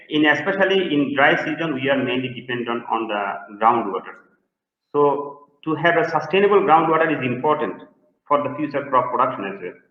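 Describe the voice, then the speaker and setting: A man from Bangladesh with a medium-pitched voice presents his research and answers questions in a webinar Q&A. He sounds hesitant, with lots of fillers and restarts. The video-call audio is echoey, dull and lo-fi.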